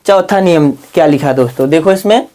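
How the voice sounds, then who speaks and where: A man with a fairly high voice teaches a casual video lesson. He keeps asking his viewers questions and answering them himself, and he draws words out slowly as he spells them. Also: mellow. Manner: slow, drawn-out spelling aloud.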